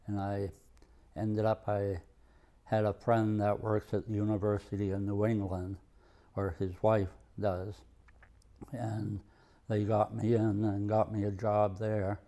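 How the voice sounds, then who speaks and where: An older retired man with a Maine accent, reminiscing in an interview in a halting, plainspoken, understated way. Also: on the low side, completely flat delivery, dark tone. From Maine, USA. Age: over 65. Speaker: retired mill worker and museum volunteer. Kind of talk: oral history interview, reminiscing.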